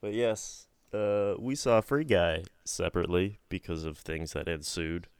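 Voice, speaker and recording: A young man co-hosting a podcast in a laid-back way, with a groggy morning voice, listing things in an even run. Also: low voice, a little slow, clear, resonant tone, dry recording. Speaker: podcast co-host. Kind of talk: casual chat.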